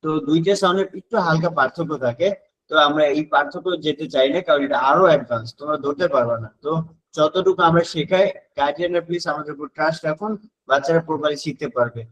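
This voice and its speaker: Brief: male phonics teacher, slightly high voice, drills letter sounds one by one, quizzes himself aloud. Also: fairly bright tone, muffled recording. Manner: sounds out letters slowly, syllable by syllable; asks and answers his own questions. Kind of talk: online phonics lesson for children.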